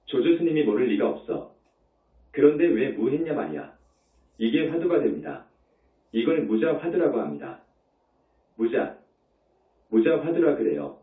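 A male monk gives a dharma talk with a lively, rising and falling voice, pressing his points home through repetition and rhetorical questions. He sounds tinny and phone-like. He is heard from a distance in an echoing space. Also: medium pitch. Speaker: Buddhist monk.

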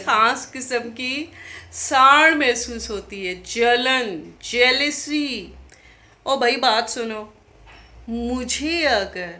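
A woman's voice: on the high side, pushed and bright. A woman in her thirties ranting indignantly in a video diary, scolding another vlogger with pointed rhetorical questions, recorded on a phone at arm's length in her living room. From Pakistan. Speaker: YouTuber replying to another vlogger. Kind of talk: confrontational video diary rant. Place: living room at home, indoors. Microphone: phone camera at arm's length.

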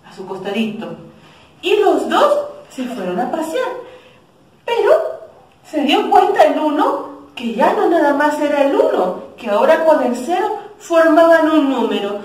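A woman teacher giving a children's math lesson and telling a story, in a slow, sing-song way meant for little kids, heard in an echoey room from a distance. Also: high voice, big pitch swings, a little mellow.

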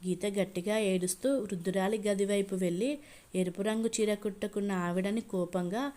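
A woman's voice: mid-range voice, fairly even intonation, normal speed, mellow. Woman narrating a storybook. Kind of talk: scripted narration.

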